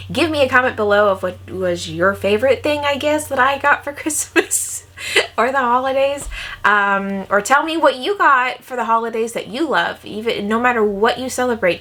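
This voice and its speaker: A woman's voice: mid-range voice, a bit bright. Woman, craft vlogger, rambling home chat to camera in a bedroom setup. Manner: chatty, rambling, with fillers and self-corrections. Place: bedroom set up for filming.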